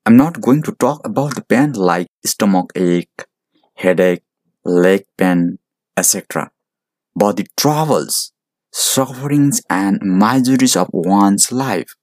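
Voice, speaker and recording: A man narrating a moral story in a slow, deliberate, explaining way. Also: on the low side, a little mellow, no room sound, clean studio sound.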